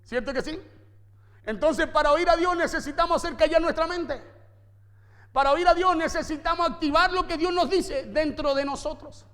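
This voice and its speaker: A man's voice: very high voice, moderate pace, a bit bright, big-room sound. A man preaching a sermon as pastor, emphatic, with repeated phrases and rhetorical questions to the congregation. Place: church.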